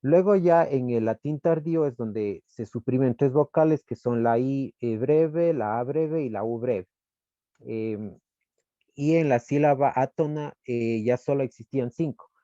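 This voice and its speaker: A man's voice: medium pitch, mellow, no room sound. Hesitant man presenting slides, muffled audio. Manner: hesitant, pausing to search for words. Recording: dull lo-fi dry recording.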